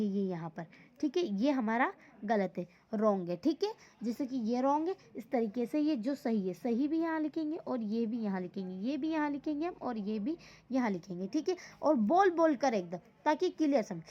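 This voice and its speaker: A woman's voice: high voice, dark tone, lo-fi sound. A woman teaching an online Hindi lesson to young children, patiently repeating and breaking words into syllables. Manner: patient, repetitive, says "ठीक है" often, breaks words into syllables. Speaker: school teacher.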